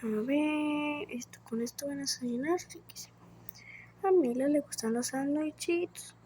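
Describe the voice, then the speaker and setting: A woman narrates a doll game at home late at night, keeping her voice hushed and often slipping into a whisper. Her voice sits high and moves at an unhurried, slow pace, with a faint hum behind her. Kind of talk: playing with dolls and narrating. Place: home kitchen play set at night.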